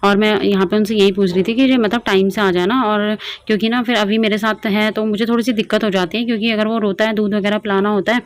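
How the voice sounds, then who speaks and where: Speaking fast and barely pausing, a young woman from Garhwal, Uttarakhand, rambles through a casual vlog in her home kitchen, full of filler words. Her voice is medium in pitch and steady in tone.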